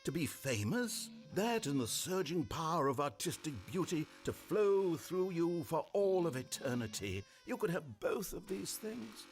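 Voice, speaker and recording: Grandiose, mock-earnest game narrator, wildly expressive intonation, faint music behind. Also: male voice, a little high, a little slow, hardly any pauses. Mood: coaxing. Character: effusive, theatrical, needling male narrator addressing the player. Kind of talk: scripted narration.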